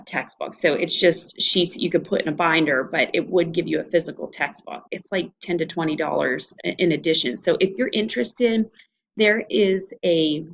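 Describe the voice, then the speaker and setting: On a low-quality recording, a woman with a deep voice and vocal fry speaks with an Ohio Valley American accent. She's a college instructor leading students through an online course in a conversational, explanatory screencast walkthrough.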